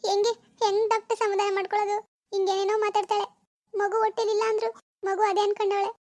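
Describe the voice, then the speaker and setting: A distraught mother in a cartoon pleads and wails in a very high, strained voice, as a woman puts her on. She begs the doctor tearfully for her daughter, talking quickly. The sound is dry and close. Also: little pitch movement, darkish tone, dry recording. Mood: pleading. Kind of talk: Kannada cartoon voice acting.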